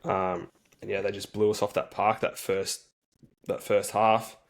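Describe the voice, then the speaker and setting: A rugby league player for a national team tells stories as an interview guest, laid-back and colloquial with plenty of slang. His voice is fairly low with vocal fry, delivered flatly at a measured pace.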